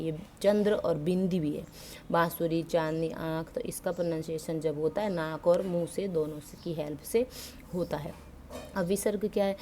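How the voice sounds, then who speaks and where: A woman teacher with a low, mellow voice walks students through grammar one point at a time. She asks a question, then answers it herself, dropping English words in as she goes. A faint hiss of background noise sits under her voice. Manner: mixes English words into Hindi. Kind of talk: explaining Hindi grammar to school students.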